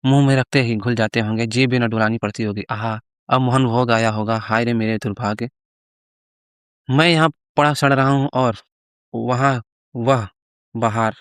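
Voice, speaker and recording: A man's voice: mid-range voice, steady tone, moderate pace, fairly bright tone, smooth, dry recording, studio quality, close to an everyday voice. A man voicing a gluttonous rival priest, sulky and boastful. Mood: longing.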